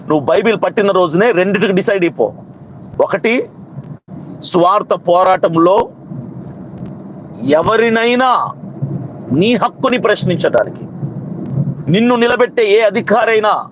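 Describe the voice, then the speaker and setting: Fiery high-voiced man over traffic noise. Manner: fiery, scolding, piles up repeated rhetorical questions. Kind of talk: impassioned protest speech to camera.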